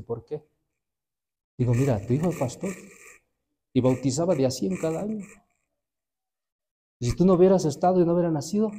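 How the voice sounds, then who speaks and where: A man's voice: medium pitch, mellow, a little hiss or hum. A man, preaching a sermon and telling stories with acted-out quotes to the congregation. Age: 50s. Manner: storytelling, acts out quoted voices, addresses the congregation.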